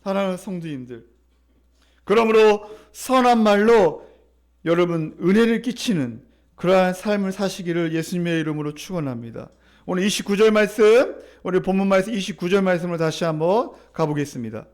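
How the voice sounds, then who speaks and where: A man with a high voice delivers a church sermon, pressing his points again and again with emphatic repetition. He pauses to lead the congregation in reading aloud, in a preacher's rhythm. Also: animated. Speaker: pastor. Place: church sanctuary.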